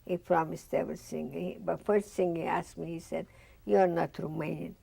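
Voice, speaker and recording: This older woman from Bessarabia speaks with a Russian accent at normal speed, her fairly low voice gravelly, husky, and mellow, with fairly even intonation. She tells her life story in a seated studio oral history interview before a dark curtain, acting out remembered exchanges. There's no room sound.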